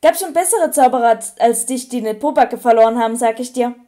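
A woman voicing a gruff, suspicious old male wizard who growls bluntly in an audiobook reading. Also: on the high side, fairly quick, dark tone, natural voice.

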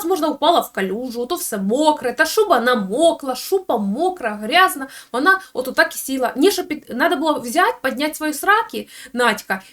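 A woman rattles off gossip commentary at a quick clip. Her voice sits high, and her tone is sarcastic and scolding, crude jabs. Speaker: commentator on bloggers.

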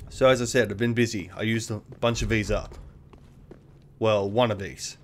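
Dry, low-voiced game commentator. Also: male voice, steady tone, normal speed, a little hiss or hum. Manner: dry, self-mocking, swears casually. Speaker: let's play host. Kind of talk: casual gameplay commentary.

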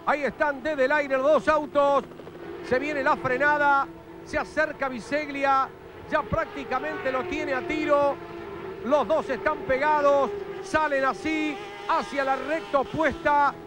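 A man with an Argentine accent giving urgent, excitable live motorsport commentary, often repeating his phrases as the race's lead commentator. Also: very high-pitched, a little slow, music in the background. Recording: loud engine and track noise behind.

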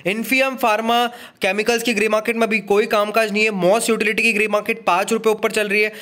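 Voice-over host, male, high register, fast repetitive explainer style. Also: level tone, sharp tone. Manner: fast, repetitive explainer, many English terms. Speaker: finance channel host. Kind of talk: screen-recorded tutorial narration. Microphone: voice-over on screen recording.

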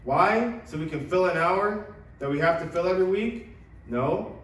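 High-voiced preacher in an echoey church. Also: male voice, animated, normal speed, fairly bright tone. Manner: earnest preaching with many restarts. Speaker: pastor. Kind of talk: sermon. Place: church sanctuary. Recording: echoey church room from far off.

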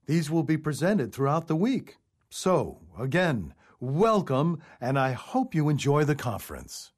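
Man as official giving lively conference welcome. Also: on the high side, a little slow. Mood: formal welcoming. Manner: formal, welcoming speech-giver. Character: organization official welcoming employees to annual conference. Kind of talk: scripted test-audio speech.

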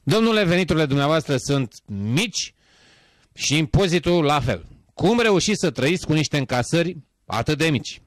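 A man's voice: a little high, expressive, dry recording, lightly acted. A man putting on the voice of a suspicious male tax inspector who keeps asking pushy questions. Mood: prying.

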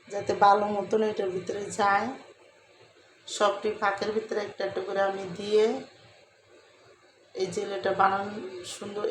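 A woman with a hoarse voice from a cold, casually talking viewers through a cooking demonstration step by step and often telling them to look. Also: mid-range voice, reverberant, a little hiss or hum, low-quality recording. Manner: chatty, repeatedly tells viewers to look. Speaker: cooking vlogger.

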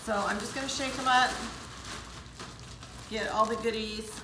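A woman's voice: a little high, fairly even intonation, unhurried, roomy sound, background noise. An older woman hosting a home cooking demonstration, chatting straight to her viewers as she works in her kitchen. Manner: chatty, talks straight to viewers while working. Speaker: cooking show host.

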